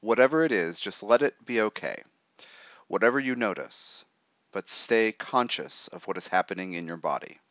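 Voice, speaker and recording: Male meditation guide, lowish voice, measured and instructive, short phrases with pauses, slightly dull dry recording. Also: animated, fairly bright tone, no echo.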